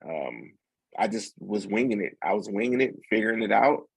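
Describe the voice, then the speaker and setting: A young man with a low, gravelly voice tells a story in a loose, rambling way, doubling back often. The tone is husky, and the sound is close and dry. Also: normal speed, no echo, rough recording. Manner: relaxed, rambling with many fillers and restarts. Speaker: podcast guest. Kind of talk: casual storytelling.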